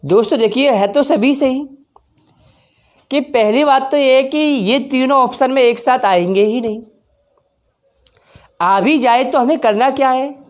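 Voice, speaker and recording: A woman teacher giving a slow, careful exam-prep grammar lesson in Hindi, drawing out vowel sounds as examples and talking to viewers as friends. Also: high voice. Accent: Hindi, from northern India. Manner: addresses viewers as friends, anticipates their questions.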